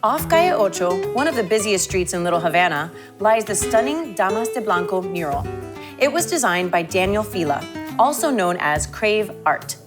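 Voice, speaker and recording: A woman's voice: medium pitch, very animated, moderate pace, music in the background. A woman from Miami hosting a travel and lifestyle show, giving scripted narration and interview questions in an upbeat, polished presenter's delivery. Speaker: host.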